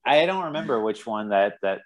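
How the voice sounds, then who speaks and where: A man co-hosting a film podcast in relaxed casual chat, chuckling between loose phrases. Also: lowish voice, a little fast. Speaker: podcast co-host.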